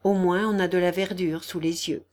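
A woman reading an audiobook, voicing a dying young man who speaks quietly, hoarse and weary. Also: lowish voice, fairly even intonation, moderate pace, natural voice. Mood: soft, weary. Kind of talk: audiobook character voice.

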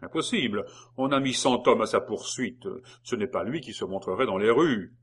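A man voicing a calm, cold male public prosecutor who speaks curtly and with doubt. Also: on the low side, normal speed, husky.

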